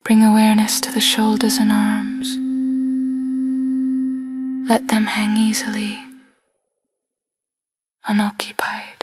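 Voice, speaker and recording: A woman guides a scripted body scan meditation in short phrases separated by long pauses, her voice soft, breathy and hushed. It is mid-range and monotone, with music in the background.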